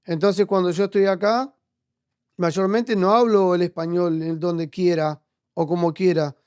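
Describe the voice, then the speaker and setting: A man's voice: high voice, steady tone, measured pace, a little mellow, smooth, no echo, studio quality. A man with an Argentine accent hosting a podcast interview, speaking in a reflective, hesitant way with frequent restarts. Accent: Argentine Spanish. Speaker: podcast host. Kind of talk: conversational interview.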